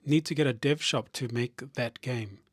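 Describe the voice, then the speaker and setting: A man's voice: medium pitch, moderate pace, dry recording. Guy streaming live at his desk, talks off the cuff and restarts a lot, dry close sound, keys clacking. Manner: rambling, thinking out loud with restarts; reads viewer comments aloud. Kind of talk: casual live-stream chat.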